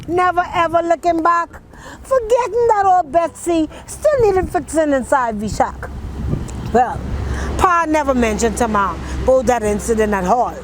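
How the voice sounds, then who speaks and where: A Bahamian woman poet with a fairly high voice, reciting dialect verse and speaking about her craft. She tells things in a rhythmic, storytelling way full of vivid island phrasing. Faint noise sits under her voice. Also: rough recording.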